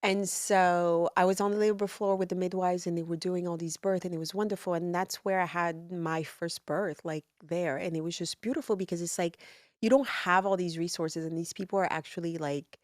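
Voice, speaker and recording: A woman from Rwanda and Congo, a midwife, telling her story in a relaxed, casual way with fillers as a podcast guest. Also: lowish voice, fairly quick, no echo, studio quality.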